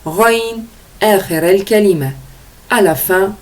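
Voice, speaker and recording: A woman teaching Arabic letters slowly, sounding out each vowel and explaining in French. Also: mid-range voice, darkish tone. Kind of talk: slow letter-by-letter pronunciation lesson.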